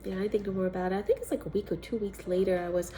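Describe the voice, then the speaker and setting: Warm, steady, and rapid-fire, this mid-range female voice has faint music behind it. Congested from a cold, she's a missionary sharing her personal testimony in a casual vlog, full of ums, little laughs, and rambling.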